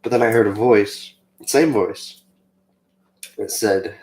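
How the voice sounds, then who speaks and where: Young guy rambling through a story, kinda low and gravelly, roomy echo. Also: slow. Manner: chatty, rambling with fillers, animated when quoting himself. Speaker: co-host of a faith channel. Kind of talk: casual personal storytelling. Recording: echoey room.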